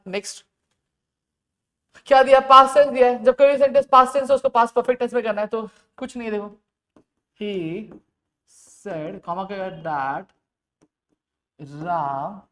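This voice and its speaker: A male teacher running a recorded grammar lesson. He keeps asking quick questions, then dictates the answers slowly, dropping to a low murmur as he writes them out. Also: fairly bright tone.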